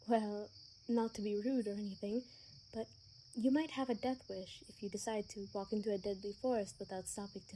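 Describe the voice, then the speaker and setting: A woman plays a gentle, sheltered young female vampire in an ASMR roleplay, speaking softly and hesitantly, sometimes in a breathy whisper. Her medium-pitched voice is close to an everyday one, with slight background noise.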